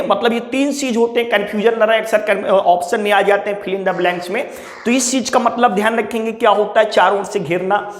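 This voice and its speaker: A high-pitched male teacher runs through vocabulary words, repeating each meaning patiently for his students. His voice rings in a roomy space with a long reverb tail. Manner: addresses students as "beta", repeats key meanings. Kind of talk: classroom vocabulary lesson with mnemonics. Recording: echoey room with long reverb.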